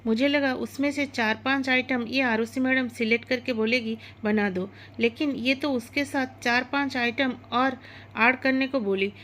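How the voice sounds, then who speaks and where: A woman's voice: high-pitched, steady tone, normal speed, a bit bright, slight background noise. A woman voicing a jealous, gossipy young female cook in a storybook narration, in a chatty, grumbling manner.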